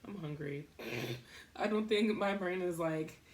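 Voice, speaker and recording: A young woman hosting a podcast, talking in a casual, rambling way, thinking out loud and laughing at herself. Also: fairly low pitch, takes it slowly, slight background noise. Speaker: podcast host.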